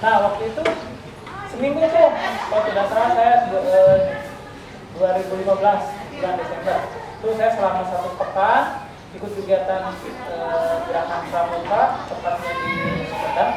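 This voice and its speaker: A man in his twenties from West Java, a teacher telling school stories in an unhurried, reminiscing way. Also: sits high. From West Java, Indonesia. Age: 20s. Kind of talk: casual school talk. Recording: echoey room, distant mic, noisy.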